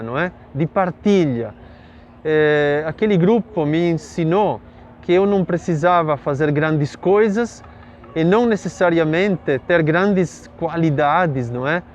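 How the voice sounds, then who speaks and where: Italian priest speaking reflectively. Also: male voice, a little high, a little mellow, a little hiss or hum. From Italy. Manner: thoughtful, with fillers and tag questions. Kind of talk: interview answer, telling his story.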